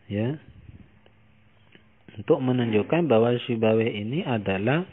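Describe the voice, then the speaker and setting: A man's voice: medium pitch, expressive, a little slow, narrow, tinny audio. An Indonesian-accented man teaching a classical text, reading Arabic phrases aloud and translating each one in turn. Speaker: Islamic teacher. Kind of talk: classical text study lesson.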